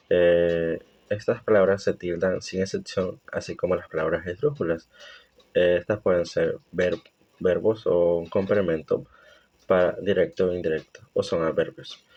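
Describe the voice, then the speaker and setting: A man's voice: sits low, darkish tone, slightly rough. A man giving a student presentation on grammar, hesitant with fillers and restarts. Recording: muffled lo-fi recording.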